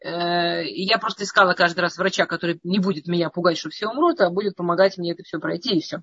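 A woman's voice: on the low side, fast talker, fairly bright tone, husky, dry recording, dull audio. A middle-aged woman from Russia casually telling her life story in a meandering way, often restarting and stammering over words.

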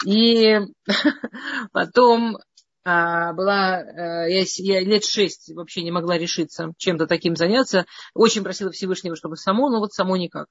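A woman's voice: on the low side, moderate pace, dry recording, lo-fi sound. A middle-aged woman from Russia casually telling her life story in a meandering way, often restarting and stammering over words.

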